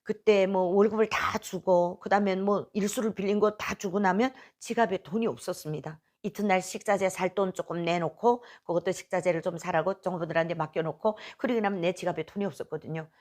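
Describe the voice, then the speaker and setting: A woman's voice: fairly low pitch, fairly quick, few pauses, darkish tone. A middle-aged woman from North Korea with a North Korean accent, telling her personal faith testimony in an earnest, emotional storytelling way. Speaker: testimony speaker.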